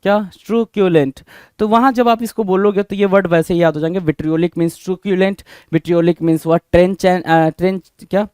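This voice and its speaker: Energetic high-voiced vocabulary teacher. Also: male voice, slow pace, clean tone, no echo, studio quality. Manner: energetic, drills words with repeated questions. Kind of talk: exam-prep vocabulary lesson.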